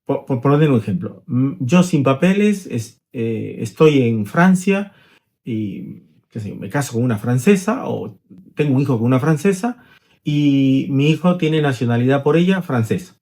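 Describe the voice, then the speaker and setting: A man's voice: mid-range voice, animated, moderate pace, darkish tone. Middle-aged male lawyer, conversational explainer, illustrative examples, frequent tag questions. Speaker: immigration lawyer.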